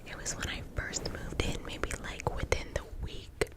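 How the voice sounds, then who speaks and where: A woman hosting ASMR, telling casual stories in a breathy, unvoiced whisper close to the mic in a chatty, rambling way. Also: normal speed. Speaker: ASMR host. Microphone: close-up mic with fluffy cover.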